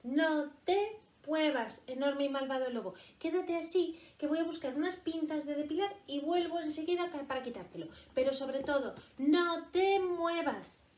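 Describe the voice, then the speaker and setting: Cheeky storybook bunny, high and bossy, put on by a woman reading aloud, echoey room. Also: moderate pace, a little mellow, lightly acted.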